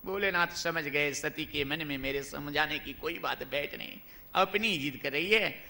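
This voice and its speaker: A male preacher telling a devotional story in an animated discourse. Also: a little high, unhurried, creaky.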